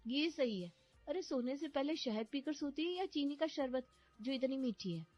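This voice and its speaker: A woman's voice: high voice, lively intonation, normal speed, lo-fi sound, faint music behind, pitched above the performer's own voice. A woman voicing a frustrated younger daughter-in-law who complains plaintively. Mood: bitter.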